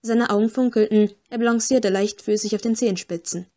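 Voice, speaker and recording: A woman reading an audiobook in a steady, measured first-person narration. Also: medium pitch.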